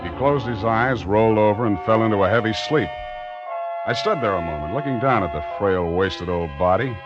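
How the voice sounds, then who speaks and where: Man doing a hard-boiled detective, low, clipped, sardonic, muffled old radio, loud music behind. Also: a little fast, close to an everyday voice. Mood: narrating. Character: hard-boiled private detective, wry and suspicious. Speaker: narrator. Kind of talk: 1940s radio detective drama.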